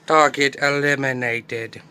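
A man voicing a bossy male robot police enforcer in a comedy skit, barking clipped, monotone commands. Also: medium pitch, takes it slowly, a little hiss or hum. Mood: commanding.

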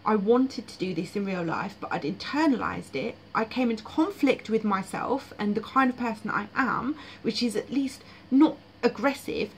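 A woman's voice: medium pitch, rough recording. Frank woman with faint hiss. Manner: frank and blunt, with fillers. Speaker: dream vlogger. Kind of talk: casual spoken monologue.

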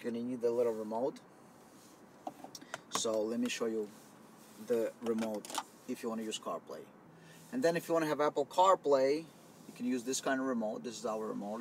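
Man casually demoing inside a car. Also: medium pitch. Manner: loose, conversational explaining with fillers. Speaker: product demonstrator. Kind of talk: casual product demo. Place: inside a car, partly outdoors in wind. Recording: faint wind noise on camera mic.

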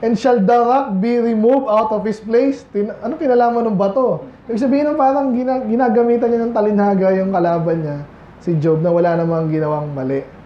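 High-voiced preacher in an echoey hall. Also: male voice, fairly even intonation, a little fast. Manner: acts out quoted complainers in a high mocking voice; conversational, asks the congregation questions. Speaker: pastor. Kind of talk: sermon. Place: church hall. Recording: echoey, dull room recording.

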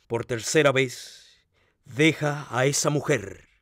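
A man voicing a daring gentleman thief with a fierce temper, speaking coldly and commandingly in an audiobook reading. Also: mid-range voice, slow pace, no echo, clean studio sound. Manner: cold and commanding, turning desperate.

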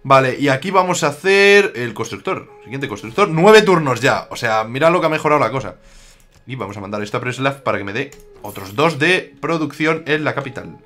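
Brisk and animated, a medium-pitched, fairly bright male voice delivers jokey, casual commentary on a strategy game. He's a Spanish gaming YouTuber with a slight Aragonese accent who answers back to his rivals.

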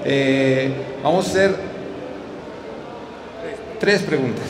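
A man's voice: mid-range voice, slow pace, background noise. A man hosting a casual walkthrough vlog, chatting with fillers and restarts on a handheld mic in an indoor expo hall. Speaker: vlog host touring an electrical expo. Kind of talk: casual on-the-spot walkthrough and interviews.

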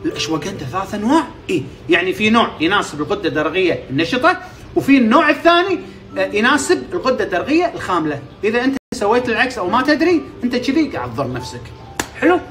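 Kuwaiti male host, rapid and animated delivery, drills key terms by repeating them. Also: high-pitched, soft background music. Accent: Kuwaiti Arabic. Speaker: health tips host. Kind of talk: informal explainer.

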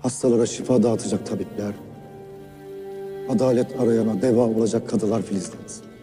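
A solemn sultan in a historical drama. His deliberate male voice is low and rings with long reverb. Music plays clearly behind it. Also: fairly even intonation, dark tone. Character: solemn sultan recalled voicing his dream.

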